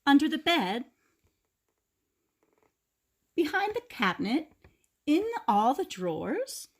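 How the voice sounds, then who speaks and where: Woman playing a concerned, higher-pitched storybook mom. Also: big pitch swings, unhurried, heavily acted. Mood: questioning. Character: concerned, questioning mother of a family.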